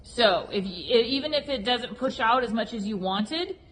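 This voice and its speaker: A woman's voice: fairly high pitch, expressive, moderate pace, fairly bright tone. Frank woman instructor explaining, echoing hall. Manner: frank, emphatic, repeats key points. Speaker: horse riding instructor. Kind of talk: informal explanatory lesson feedback. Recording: reverberant hall with clear background noise.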